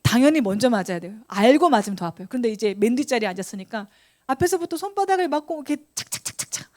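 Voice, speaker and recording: A woman pastor with a fairly high voice tells a story at a youth retreat. She acts out the scenes and voices as she goes. Her delivery is warm, lively and conversational. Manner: lively, animated storytelling, acting out childhood scenes.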